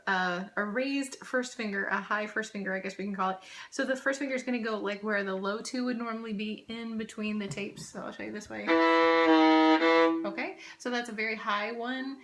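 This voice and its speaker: A woman's voice: mid-range voice, fairly even intonation, fairly bright tone, soft background music. Patient woman teaching viola in echoey room. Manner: patient, explains slowly, sings rhythms. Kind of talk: casual music lesson.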